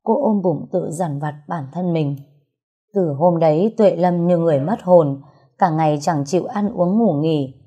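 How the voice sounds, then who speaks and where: Woman narrator, audio novel, steady dramatic storytelling, mellow, husky. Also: lowish voice, unhurried.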